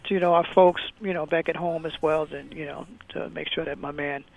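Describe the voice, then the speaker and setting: High-pitched, gravelly male singer, chatty guest. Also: fairly even intonation, brisk, lo-fi sound. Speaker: singer, guest on a radio show. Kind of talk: casual on-air chat.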